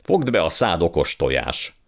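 A man's voice: very deep voice, expressive. A man voicing a pompous, blustering old uncle who calls himself a scientist and magician. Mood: outraged. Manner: blustering, condescending, impatient.

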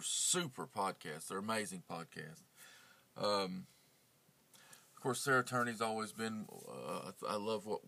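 A man's voice: fairly low pitch, fairly bright tone. A man hosting a true crime podcast, talking casually and rambling with many fillers and restarts. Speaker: podcast host. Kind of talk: casual podcast outro chat.

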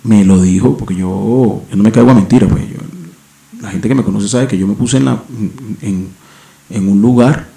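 A man's voice: lowish voice, moderate pace, vocal fry, dark tone, echoey room. A man from Venezuela with a Venezuelan accent, rambling slangily with profanity and restarts in a casual monologue as a podcast host on a home microphone. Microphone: home microphone setup.

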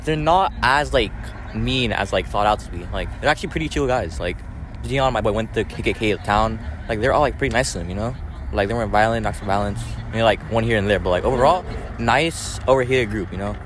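A man's voice: fairly low pitch, fairly quick. A teenage boy chatting casually and jokingly in ironic zoomer slang, delivering opinions mock-seriously. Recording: noisy outdoor, traffic and vehicle ambience.

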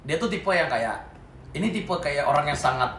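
A young man telling a story as a podcast co-host, casual and slangy, acting out quotes with sudden loud bursts. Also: on the high side, lively intonation, moderate pace. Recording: echoey room, faint noise.

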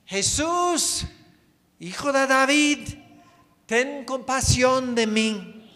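A man voicing a desperate blind beggar who cries out loudly and pleads. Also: sits high, animated, drawn-out words, big-room sound, exaggerated voice. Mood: pleading shout. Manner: shouting, pleading.

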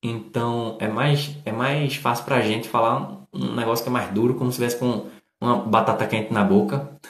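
A man's voice: mid-range voice, fairly even intonation, moderate pace. A man from Northeast Brazil with a Northeastern Brazilian accent, casually explaining and demonstrating pronunciations as an English teacher. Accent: Northeastern Brazilian Portuguese. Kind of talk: casual spoken commentary on a read text. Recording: echoey room.

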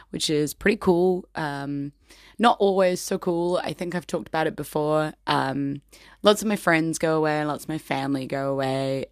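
A New Zealand woman in her thirties talks in a low, croaky voice full of fry. She is hoarse and rambles casually as a host chatting to her followers. The sound is dry, with very little room in it. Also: dry recording. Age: 30s. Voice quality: croaky, gravelly. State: hoarse, voice nearly gone from partying. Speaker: host of a personal episodic show.

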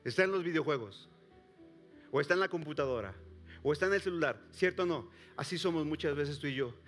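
A pastor preaches to his congregation in a fairly high voice, rising to loud calls and dropping to hushed near-whispers. He keeps pressing the listeners with direct questions, and soft music plays faintly behind him. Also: expressive, brisk. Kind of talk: sermon. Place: church service before a congregation.

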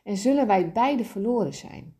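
A woman's voice: medium pitch, expressive, normal speed, husky. A woman voicing a kind, wise soul. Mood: gentle. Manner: gentle, patient explaining.

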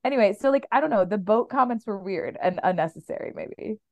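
A woman's voice: mid-range voice, expressive, fairly quick, no room sound. A woman co-hosting a casual podcast, wry and amused, often sounding bewildered. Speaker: podcast co-host.

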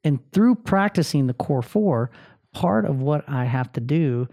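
A man's voice: a little high, expressive, a little slow, creaky, mellow, no room sound, studio quality. A man hosting a podcast, telling personal stories in a candid, self-deprecating way and swearing freely. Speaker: podcast host. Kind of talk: casual personal monologue.

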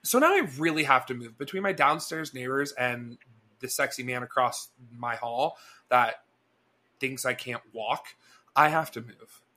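Chatty bright-voiced man telling stories. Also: medium pitch, a little slow. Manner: animated, chatty, acts out dialogue. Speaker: podcast co-host. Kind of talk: casual storytelling chat.

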